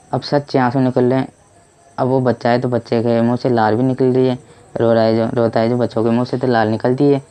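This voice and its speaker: Male tutor, mellow tone, unhurried, repeats points for exam prep. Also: mid-range voice. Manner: slow, repetitive explaining with rhetorical questions. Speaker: teacher. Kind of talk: exam memory-trick lesson.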